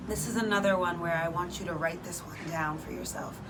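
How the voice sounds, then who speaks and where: A woman's voice: lowish voice, fairly even intonation, brisk. A woman hosting a faith and fitness vlog, speaking informally and encouragingly straight to her listeners in a devotional style. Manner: informal and exhortative, direct address to listeners. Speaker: host of a faith and fitness challenge. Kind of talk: casual devotional vlog, prayer. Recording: clearly noisy background ambience.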